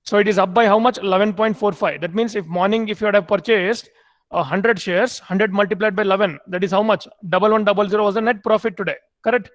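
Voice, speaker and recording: A man's voice: high voice, steady tone, fast talker. A man lecturing an online MBA class, repeating key points and quizzing students with questions.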